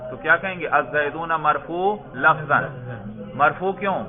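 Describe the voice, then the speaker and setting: A man's voice: a little high, a crowd in the background. A man teaching a grammar lesson to students, asking them questions and patiently repeating each point. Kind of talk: classroom lesson. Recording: tinny phone-like recording.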